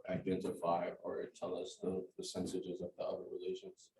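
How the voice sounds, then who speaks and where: A man born in Haiti asking the speaker a polite, slightly halting question from the audience. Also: low-pitched, completely flat delivery, vocal fry, a little mellow. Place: lecture room. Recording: distant echoey room with faint noise.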